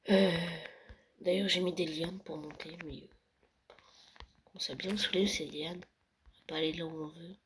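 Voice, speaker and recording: A young vlogger touring a Minecraft world late at night, often whispering and speaking softly. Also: mid-range voice, fairly even intonation, a little slow, pauses often, poor audio. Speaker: gaming vlogger. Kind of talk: casual Minecraft world tour. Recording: loud background noise.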